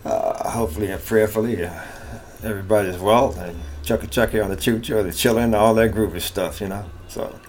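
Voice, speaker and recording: A man's voice: on the low side, a little fast, a little mellow, soft background music. A middle-aged American man giving a natural, unscripted monologue, rambling casually with folksy slang and repeating himself. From United States. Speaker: vlog host. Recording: clearly noisy background ambience.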